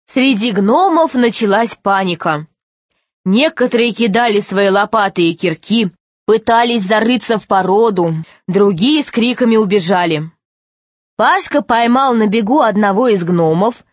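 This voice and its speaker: A woman narrating a children's story aloud in a steady, expressive way. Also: mid-range voice, a little slow, dry recording.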